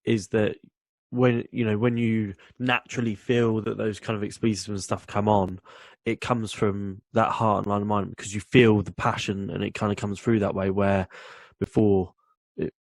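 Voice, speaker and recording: A man's voice: lowish voice, little pitch movement, moderate pace, vocal fry, dry recording. A man hosting a podcast, chatting loosely and affirming his guest, with lots of fillers. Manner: affirming and loose, many fillers like "kinda" and "you know". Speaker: podcast host. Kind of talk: casual conversational interview.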